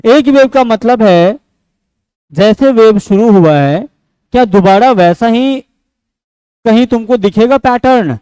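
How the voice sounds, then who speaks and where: A man's voice: very high voice, lively intonation, takes it slowly, long pauses, clear, resonant tone, dry recording, rough recording. A man teaching a physics class, often asking the students a question and answering it himself. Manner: asks and answers his own questions; switches between loud and soft speech.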